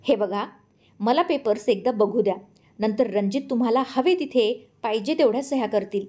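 A woman reading a story aloud, voicing a calm, firm young woman teacher who speaks steadily. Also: a little high, normal speed, natural voice. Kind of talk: audiobook character voice.

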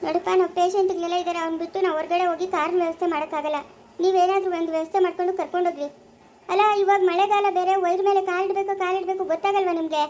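A woman as a brisk hospital nurse who gives firm, impatient orders, with a rural Chikkaballapura Kannada accent. The voice is very high and flat, and the orders come in a hurry in a homemade family skit. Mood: urgent firm.

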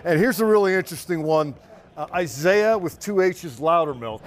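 This sixty-something team reporter has a higher voice with lively intonation and a moderate pace. Standing outdoors at a practice field, he talks through his analysis in casual sideline conversation, now and then slipping in dry humor.

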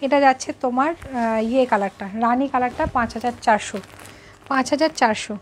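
A woman's voice: on the high side, brisk, a little hiss or hum. A woman, running a live sari sale. She chats with viewers and keeps repeating the prices. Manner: chatty, repeats prices, answers viewers directly. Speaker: boutique owner selling saris live. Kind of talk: live sales stream.

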